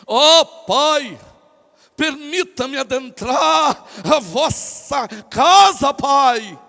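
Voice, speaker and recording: A man's voice: very high-pitched, lively intonation, extremely slow, vocal fry, bright, forceful tone, in a large hall, heavily acted. A man putting on the voice of a grown son who talks to his father with stilted, pompous formality. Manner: solemn, stilted formal diction.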